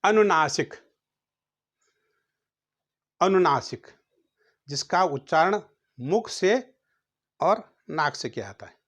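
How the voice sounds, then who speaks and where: A man's voice: a little high, very animated, slow pace, slightly rough. A man teaching a grammar lesson, sounding out letters one at a time and asking questions he then answers himself.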